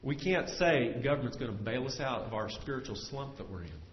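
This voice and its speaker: A man preaching a sermon from the pulpit, earnest and steady, his voice swelling and slowing whenever he drives a point home. His voice rings through a large, echoey church sanctuary. The recording sounds dull and lo-fi. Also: medium pitch, a little hiss or hum. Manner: earnest preaching, swells louder and slows for emphasis. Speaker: pastor.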